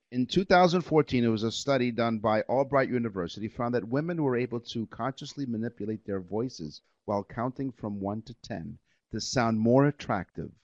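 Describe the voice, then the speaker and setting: A man's voice: mid-range voice, no room sound. Dry-humored man reading fun facts. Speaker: podcast host. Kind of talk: comedic podcast banter. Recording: dull lo-fi podcast audio.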